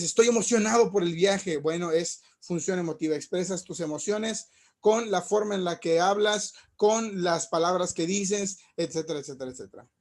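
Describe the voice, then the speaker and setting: A man's voice: high-pitched, a little mellow. A man lecturing as a teacher, explaining with everyday examples and checking in with rhetorical questions. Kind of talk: recorded class lecture.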